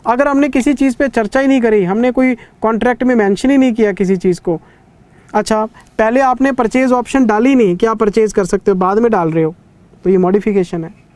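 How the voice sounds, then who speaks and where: High-voiced male teacher, dry close sound. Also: brisk, darkish tone, no room sound. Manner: scolding yet caring, conversational lecturing. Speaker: CA exam teacher. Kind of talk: online revision lecture.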